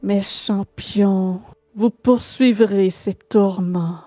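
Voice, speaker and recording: Woman voicing a slow, breathless shadowy dark power. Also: medium pitch, fairly even intonation, no echo, soft background music. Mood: menacing. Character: shadowy dark power from beyond the grave, menacing.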